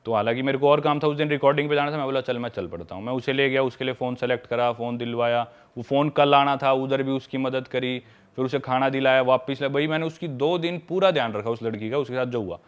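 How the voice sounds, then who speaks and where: A man of middle pitch recounts a travel mishap on a casual podcast. He talks in an animated way, drops English words into his Hindi and mimics the people in his story. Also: quick pace, clean tone. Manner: animated storyteller who acts out quoted dialogue.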